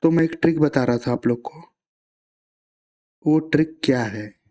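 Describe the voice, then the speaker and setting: A man's voice: fairly high pitch, a little slow, dark tone. A man, teaching science in a casual classroom-style explanation, asking himself rhetorical questions and mixing in English terms.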